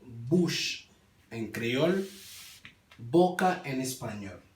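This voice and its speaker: A man teaching letter sounds, repeating each letter and word slowly and haltingly. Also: on the high side, recorded from a distance. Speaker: language teacher. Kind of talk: slow alphabet pronunciation lesson. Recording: roomy echo, speaker away from the mic.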